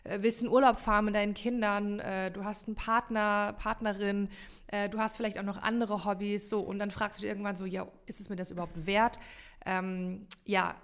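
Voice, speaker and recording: A woman's voice: medium pitch, little pitch movement, fairly quick, smooth. A woman co-hosting a podcast, explaining in long emphatic runs with many fillers in a casual chat. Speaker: podcast co-host.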